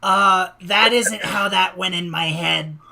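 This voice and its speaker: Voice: mid-range voice, steady tone, slow pace, creaky, sharp tone, slight background noise. A player in a tabletop role-play session, playfully narrating a comic entrance for his character. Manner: playful, storytelling.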